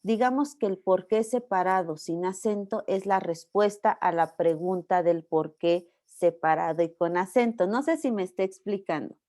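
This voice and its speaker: A woman's voice: fairly low pitch, normal speed, few pauses, mellow. A Mexican woman teacher giving a university class, explaining step by step and checking that students follow. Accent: Mexican Spanish. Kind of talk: online class lecture.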